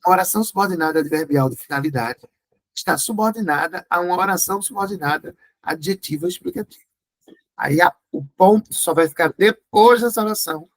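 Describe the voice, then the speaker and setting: A man with a Brazilian accent leads an exam review class. His voice sits fairly high and has a gravelly edge. He keeps checking in with his listeners and shifts between quick runs and slow, drawn-out words. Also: rough recording. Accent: Brazilian Portuguese. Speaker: Portuguese exam tutor.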